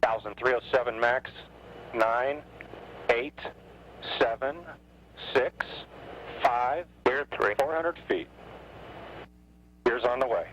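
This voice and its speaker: A man calmly calling out terse numbers and checks over cockpit headset intercom audio. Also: mid-range voice, slow, long pauses, poor audio. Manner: clipped, calm, counting numbers. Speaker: shuttle crew member calling out landing. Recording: cockpit intercom playback, faint noise.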